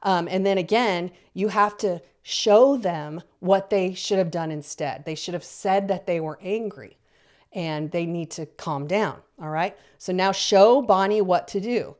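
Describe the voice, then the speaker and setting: A woman's voice: on the low side, unhurried, a little mellow. A middle-aged woman giving parenting advice, encouraging, repeating her points and checking in with the listener. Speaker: parenting coach. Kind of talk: instructional talk to parents.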